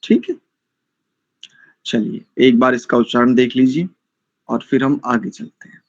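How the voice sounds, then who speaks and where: A man's voice: mid-range voice, no echo, lo-fi sound. A man with a Hindi accent teaching Vedic mantra pronunciation in an online class, breaking words into syllables and repeating them. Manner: slow, syllable-by-syllable pronunciation drills. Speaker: Sanskrit chanting teacher.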